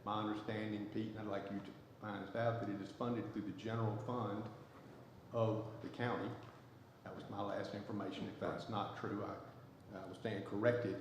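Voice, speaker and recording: A council member with a Southern US accent, speaking bluntly and defiantly, halting with many fillers. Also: male voice, lowish voice, little pitch movement. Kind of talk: council debate remarks. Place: city council chamber. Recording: echoey council chamber, faint noise.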